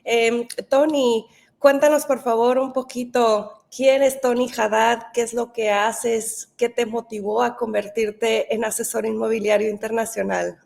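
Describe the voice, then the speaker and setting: Woman hosting an interview, kinda high voice with gravelly fry, friendly little "ok"s and "ujú"s. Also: fairly even intonation, unhurried, darkish tone. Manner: friendly, short backchannels. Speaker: interview host. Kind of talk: hosted interview.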